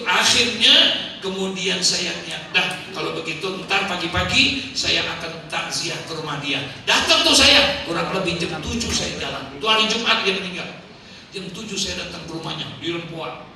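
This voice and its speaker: A middle-aged man with a Betawi Jakarta accent delivers a comic sermon at an outdoor market gathering, trading jokes and throwing his voice into the people he quotes, sometimes shouting the punchlines. His voice sits high and echoes through a distant PA, with steady chatter and noise behind it. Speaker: preacher. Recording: echoey distant PA sound, noisy crowd.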